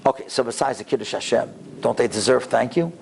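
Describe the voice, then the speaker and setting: A man's voice: mid-range voice, fast, vocal fry, darkish tone, slight background noise. A man giving an anecdotal, inspirational religious lecture as a rabbi, acting out dialogue and repeating words for emphasis.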